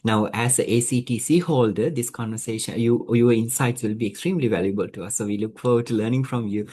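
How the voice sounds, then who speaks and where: Man, webinar host, video call audio, halting, lots of ums and restarts, mid-pitched voice. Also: mellow. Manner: hesitant, with many fillers and restarts. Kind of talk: hosting an online group session.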